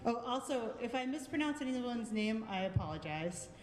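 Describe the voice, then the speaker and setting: This art show juror's voice is a little high and expressive, moving at normal speed. With a Boston accent, she gives a friendly, thoughtful live critique of the art pieces, often saying um, in an echoey hall with long reverb.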